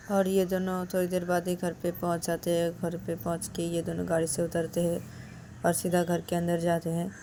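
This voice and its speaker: A woman's voice: lowish voice, mellow. A woman telling a story in a plain, repetitive way and voicing all of its characters.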